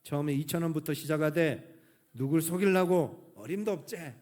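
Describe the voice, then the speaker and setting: A pastor voicing a feisty old grandmother who speaks a Gyeongsang dialect and scolds loudly. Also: fairly high pitch, moderate pace, lightly acted. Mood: stubborn. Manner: indignant, scolding.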